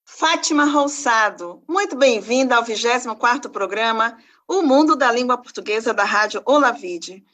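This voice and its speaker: A woman's voice: a little high, fairly bright tone. A woman radio interviewer welcomes a guest and reads prepared questions.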